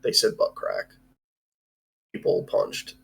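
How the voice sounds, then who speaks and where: Speaking slowly over crowd noise, a man runs a live-streamed film review. The chat is casual and rambling, with occasional swearing.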